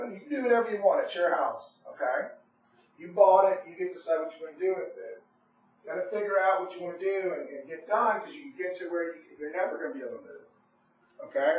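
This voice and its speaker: A hoarse man losing his voice, a real estate agent making a pushy, persuasive sales call who keeps checking in with "okay?" and clears his throat often. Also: on the high side, echoey room, lo-fi sound.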